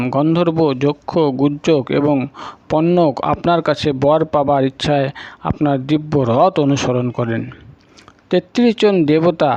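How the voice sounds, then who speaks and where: A man reciting a scripture tale in slow, solemn narration, listing sacred names one by one. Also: fairly high pitch, a little mellow, dry recording, dull audio. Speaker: storyteller.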